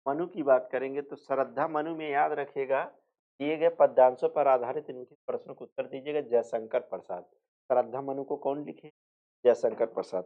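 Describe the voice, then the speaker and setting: Male teacher, mid-pitched, drilling exam answers by asking and answering his own questions; thin, phone-like recording. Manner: slips into rural dialect for jokes. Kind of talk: exam revision lecture. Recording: tinny phone-like sound.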